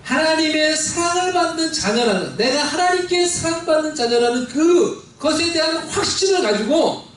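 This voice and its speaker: A man's voice: very high voice, lively intonation, normal speed, fairly bright tone. A male pastor preaching a sermon in a church, asking the congregation questions and acting out quoted lines. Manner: preaching with call-and-response questions and dramatized quotes. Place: church sanctuary. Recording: very echoey hall, voice from a distance.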